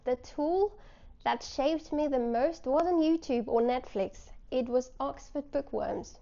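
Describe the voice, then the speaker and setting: A non-native English-speaking woman with a modern British accent, explaining things clearly in short phrases to learners as a teacher. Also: high-pitched, warm tone, muffled recording. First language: not English. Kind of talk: direct-to-audience lesson with personal story.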